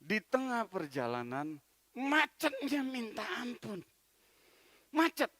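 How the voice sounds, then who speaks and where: A man preaching a sermon as a pastor in a church, telling a story with big swings in loudness. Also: high-pitched, sing-song, unhurried, no room sound.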